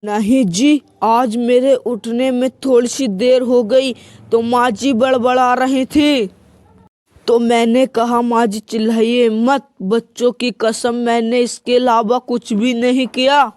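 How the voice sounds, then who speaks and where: A cheeky, quick-tongued young daughter-in-law in a comedy skit, played by a woman. She talks back with a high, unhurried voice. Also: level tone, a little mellow, no room sound. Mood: pleading.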